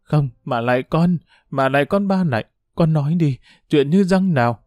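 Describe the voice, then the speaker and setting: A man's voice: on the high side, expressive, normal speed, darkish tone, no room sound, studio quality, soft background music, lightly acted. A man voicing a furious, screaming middle-aged peasant mother who threatens her daughter. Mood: frantic.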